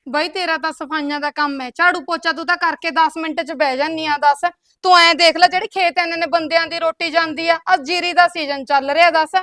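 A woman plays a nagging elder sister-in-law. Her voice is very high and bright, and she scolds with a curt, bossy edge. The recording is close and dry. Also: fairly even intonation, a little fast, few pauses, dry recording. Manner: scolding, keeps tagging lines with a curt "tell me". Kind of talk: comedy skit acting.

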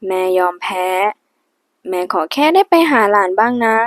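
A woman voicing an older mother who speaks in a soft, shaky, apologetic way in an audiobook. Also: medium pitch, animated, normal speed, dry recording, lightly acted. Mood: sorrowful. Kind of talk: audiobook character voice.

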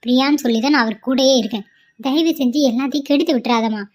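A woman's voice: sits high, fast talker, darkish tone. A woman voicing a stubborn, devoted young wife in a cartoon, pleading and insistent. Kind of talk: cartoon voice acting.

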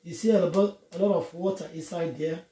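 A woman's voice: fairly low pitch, fairly even intonation, a little fast, mellow. A woman vlogging a cooking tutorial from her home kitchen, chatting through each step to her viewers. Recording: roomy kitchen echo, faint noise.

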